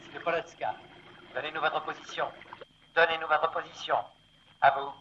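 Un homme joue un opérateur radio de navire dont la voix arrive par un récepteur radio grésillant, appelant avec insistance. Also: male voice, a little high, level tone, normal speed, pushed and bright. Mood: insistent. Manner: urgent, calling out repeatedly. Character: radio operator on a ship, adult man, insistent. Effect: voice heard through a crackly radio receiver. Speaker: ship's radio operator. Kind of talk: 1960s television drama acting. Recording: dull, slightly noisy 1960s television sound.

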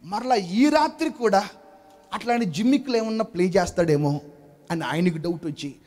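Man preaching, high voice, animated storytelling sermon, quizzes the congregation. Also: moderate pace. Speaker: pastor.

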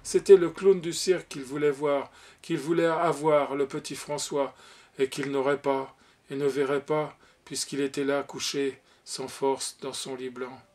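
A man reading a short story aloud as an audiobook, expressive, giving the characters' lines their own voices. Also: mid-range voice, measured pace. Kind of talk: audiobook narration.

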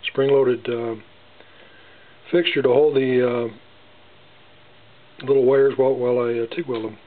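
A man in his workshop casually showing how he welds small wire parts, talking haltingly with many fillers and restarts. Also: medium pitch, steady tone. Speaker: gunsmith demonstrating welding. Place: home workshop bench. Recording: tinny, lo-fi with faint hiss.

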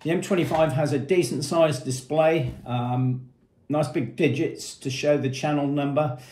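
Speaking unhurriedly in a slightly high, steady voice with a darkish tone, a man in his fifties presents a marine equipment retailer's product informally. He covers it plainly and methodically in short phrases while seated at a table, and the small room with painted block walls gives an echoey recording.

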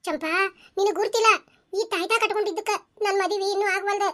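A woman voicing a headstrong, scheming young village lady in a cartoon, petulant and sharp-tongued, with a North Karnataka Kannada accent. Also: very high-pitched, fast, a little hiss or hum. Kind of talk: cartoon voice acting.

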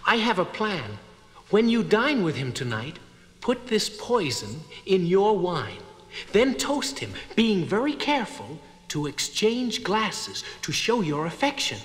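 A man playing an earnest young hero in a storybook recording, with slow, theatrical delivery. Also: high voice, sing-song, in a large hall. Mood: commanding. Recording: music behind.

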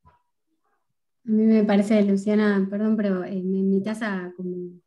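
This is an Argentine woman on an online panel, speaking at an ordinary middle pitch. She reasons aloud and keeps raising questions. Her delivery is thoughtful and lively. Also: unhurried, highs cut off. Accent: Argentine Spanish. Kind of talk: video-call panel discussion.

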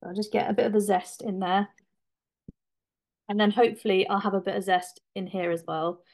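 A woman's voice: mid-range voice, steady tone, brisk. Chatty woman demonstrating a craft. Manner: chatty, informal, with fillers and restarts. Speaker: craft presenter. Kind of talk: live webinar demonstration.

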